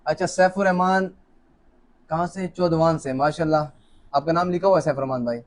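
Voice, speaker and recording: A man's voice: on the high side, fairly even intonation, brisk. Chatty man hosting a live draw. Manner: chatty, joking, warm greetings to viewers. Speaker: host of a live lucky draw. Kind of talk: casual live-stream chat, reading out names. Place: office, seated alone at a camera.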